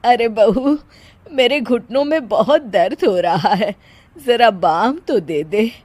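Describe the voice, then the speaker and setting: A woman voicing a middle-aged mother-in-law in a cartoon, fond of her daughter-in-law but quick to scold her. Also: on the high side, expressive, darkish tone, dry recording. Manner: scolding, exasperated.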